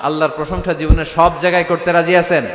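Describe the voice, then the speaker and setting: Male preacher, somewhat high and sharp, dramatic delivery with shouts and chants, roomy reverberant recording. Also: level tone, fast talker, background noise. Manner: calls out to the crowd. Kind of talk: sermon. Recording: echoey hall with long reverb.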